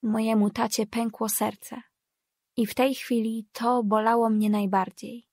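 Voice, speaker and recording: A woman reading a novel as a first-person audiobook narrator, measured and even. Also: fairly high pitch, slightly rough, dry recording, studio quality.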